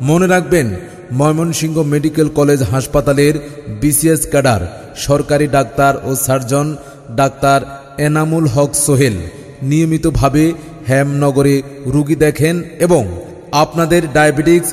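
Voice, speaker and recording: Guy chanting ads thru an outdoor loudspeaker, kinda high voice, long echo w music under it. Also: steady tone, moderate pace. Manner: sing-song, repetitive chanting delivery. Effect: outdoor loudspeaker announcement. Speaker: clinic advertisement announcer. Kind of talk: chanted promotional announcement. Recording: long reverb with music behind.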